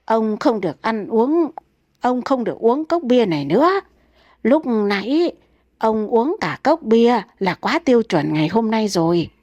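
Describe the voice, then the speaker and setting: A woman's voice: fairly high pitch, sing-song, measured pace, darkish tone, no room sound. A fussing elderly wife nags and scolds without letup, as a woman reads her. She is anxious and insistent, a figure in a comic storybook. The recording is dry and close. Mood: nagging.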